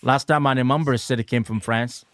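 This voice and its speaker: A man's voice: medium pitch, steady tone, quick pace, a bit bright. A young man chatting casually while livestreaming a baseball video game, reacting to viewer comments and swearing now and then.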